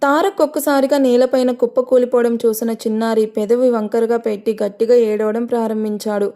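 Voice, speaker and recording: A woman narrating a dramatic audio story in a measured, storytelling manner. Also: fairly high pitch, fairly even intonation, warm tone.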